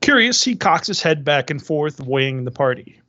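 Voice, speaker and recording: A man's voice: a little high, very animated, normal speed, bright, forceful tone, no room sound. A man narrating a tabletop game as game master, moving between hesitant improvising and reading out prepared description. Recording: dull, dry, lo-fi voice-chat sound.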